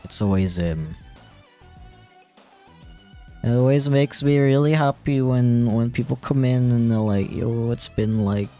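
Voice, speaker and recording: A man's voice: medium pitch, a little slow, long pauses, warm tone, clear, resonant tone, faint music behind. A man streaming while he animates, chatting casually and rambling with a self-deprecating tone and lots of fillers. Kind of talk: casual livestream chat.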